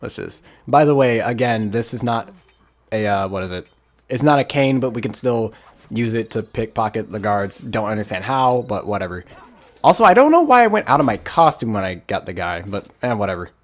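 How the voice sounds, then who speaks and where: A man's voice: lowish voice, expressive, a little fast. A young man casually commentating a video game with rambling, chuckling asides. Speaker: let's play host.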